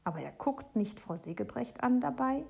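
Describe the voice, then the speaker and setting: A woman narrating a children's book, in a hushed, intimate storytelling manner. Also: fairly high pitch, animated, moderate pace, creaky, husky. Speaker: audiobook narrator.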